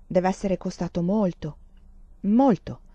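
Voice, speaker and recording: A woman reading aloud and voicing an emotional young woman student, with breathless, halting speech. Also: lowish voice, mellow, no room sound, highs cut off. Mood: effusive.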